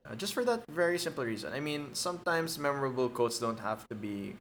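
Co-host, man in his twenties, bright tone, reflective chat that acts out quotes. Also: mid-range voice, expressive, brisk, slight background noise. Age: 20s. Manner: thoughtful, acts out quoted lines. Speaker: podcast co-host. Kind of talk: casual chat reviewing a drama.

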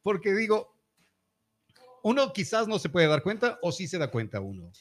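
A man hosts a casual podcast chat. His voice sits a little high, and he talks at length, hesitating often and restarting his sentences. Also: huge pitch swings, moderate pace.

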